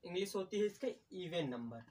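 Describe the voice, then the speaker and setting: A man's voice: high-pitched, animated, a little fast, darkish tone, distant mic. Male math teacher, patient self-quizzing delivery, talks to the class as friends, mic set back from him. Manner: asks questions and answers them himself, repeats key terms; addresses viewers as friends again and again. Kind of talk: classroom-style lesson at a board.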